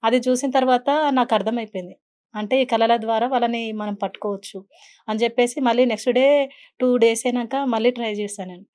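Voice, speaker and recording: Woman guest, earnest storyteller, quick and a touch high. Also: fairly even intonation, a little mellow. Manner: earnest, telling a personal story with quoted speech. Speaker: guest, beautician and meditation teacher. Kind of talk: podcast interview, personal story.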